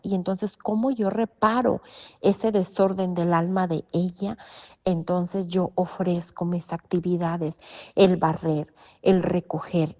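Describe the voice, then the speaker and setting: Brief: woman guest, low and gravelly, hesitant testimony, muffled recording. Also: dark tone. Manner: hesitant, searching for words. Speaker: interview guest. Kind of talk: telling a personal testimony in an interview. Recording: slightly muffled audio.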